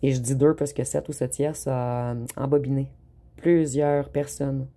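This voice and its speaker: A tarot reader, giving an unhurried spoken reading with frequent hesitant pauses. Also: mid-range voice, level tone, mellow.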